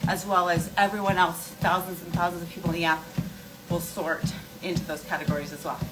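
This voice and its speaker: A woman with a fairly low, level voice speaks briskly while hosting a casual skincare and wellness livestream. She answers viewer questions emphatically, repeating key points and tossing in rhetorical questions. Loud music plays behind her, and the recording is rough.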